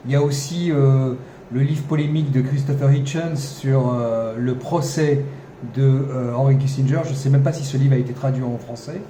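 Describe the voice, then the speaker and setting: A man with a dark, medium-pitched voice talks at a normal pace with fairly flat intonation as he hosts a podcast. His improvised commentary is littered with fillers, restarts and ironic quips, recorded in a reverberant room with faint background noise.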